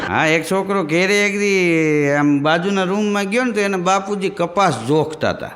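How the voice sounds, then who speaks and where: High-voiced Kathiawadi Gujarati comedian. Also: male voice, in a large hall, noisy background. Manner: folksy storytelling, jumps into quick character voices. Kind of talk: stand-up joke telling.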